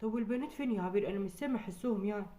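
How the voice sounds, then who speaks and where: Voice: medium pitch, rapid-fire, dark tone, lightly acted. A performer with an Egyptian accent playing a cheerful, chatty family father in a home skit. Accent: Egyptian Arabic.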